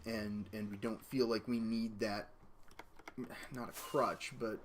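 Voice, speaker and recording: A man's voice: little pitch movement, takes it slowly, slight background noise. Rambling man streaming a game. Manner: rambling, reads chat aloud, talks to baby in a high voice. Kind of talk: casual live-stream chat while gaming. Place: home, baby in lap. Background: keyboard clicks and typing.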